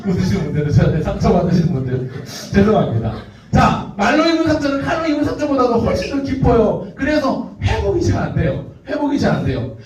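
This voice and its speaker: A male pastor giving a youth sermon, lively, acting out the nagging and taunting voices of others. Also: high-pitched, fast talker, far from the mic. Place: church hall. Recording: echoey hall, muffled from afar.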